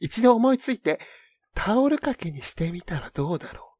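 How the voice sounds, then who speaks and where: 男性が演じる高めの声の気取ったお嬢様. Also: male voice, high-pitched, big pitch swings, moderate pace, darkish tone, slightly rough, no echo, pitched above the performer's own voice, heavily acted. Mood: curious, genteel. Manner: genteel, affected rich-girl speech. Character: polite, haughty rich schoolgirl on a student council. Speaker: comedy radio show host. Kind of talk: comic listener-mail reading and chat.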